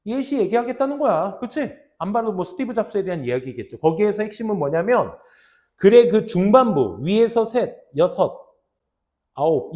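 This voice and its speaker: A young adult man teaching an English reading lesson in casual speech, often dropping to low mutters and acting out students' lines. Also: darkish tone. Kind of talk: classroom lecture.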